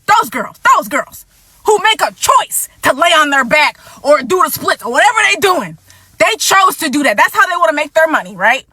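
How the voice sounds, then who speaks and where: High, bright-voiced woman ranting angrily. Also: no echo. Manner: angry, blunt and profane, emphatic repetition. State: fighting back tears. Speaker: vlog host. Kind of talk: impassioned commentary to camera.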